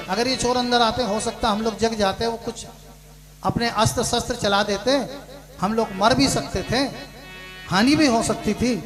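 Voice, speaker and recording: High-voiced male preacher telling a parable. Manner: shifts between hushed storytelling and loud shouted punchlines. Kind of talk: sermon storytelling with acted dialogue.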